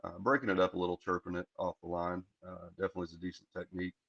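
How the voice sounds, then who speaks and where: Low-voiced man chatting on a lo-fi stream. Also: racing, creaky. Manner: relaxed, explains technique with fillers. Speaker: stream commentator. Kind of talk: casual live commentary.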